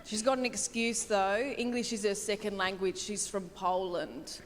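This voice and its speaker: An Australian woman in her thirties performing stand-up comedy on stage, telling brisk family stories. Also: mid-range voice. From Wagga Wagga, Australia. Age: 30s. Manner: brisk, storytelling, mimics relatives. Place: comedy stage in a large hall. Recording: live hall with long reverb, faint noise.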